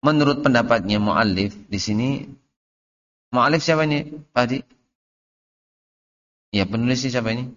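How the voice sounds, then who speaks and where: A man teaching Arabic grammar in class. He reads the Arabic text slowly, then explains it and quizzes his students. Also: mid-range voice, a bit bright. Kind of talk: classroom lesson. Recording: dull lo-fi audio recording.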